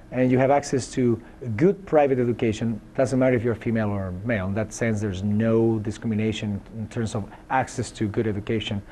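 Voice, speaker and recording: Speaking English with a Chilean Spanish accent, a Chilean professor in his thirties responds to an interviewer in a mellow, mid-range voice. His answers are thoughtful but halting, full of fillers and false starts.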